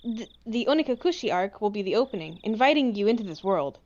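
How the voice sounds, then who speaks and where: A woman's voice: mid-range voice, big pitch swings, fast talker, a little mellow, dull audio, slight background noise. A woman co-hosting a game playthrough, chatting casually and reading aloud from a visual novel.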